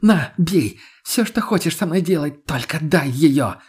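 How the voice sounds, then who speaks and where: A man's voice: fairly high pitch, lively intonation, moderate pace, husky, voice pushed up. A man voicing a begging, desperate young woman. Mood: pleading. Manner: begging, whiny, breathless pleading.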